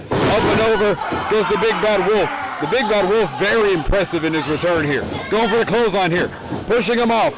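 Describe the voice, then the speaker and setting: A man giving excited, emphatic play-by-play commentary at a wrestling show. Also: high-pitched, very noisy. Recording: loud music and crowd behind.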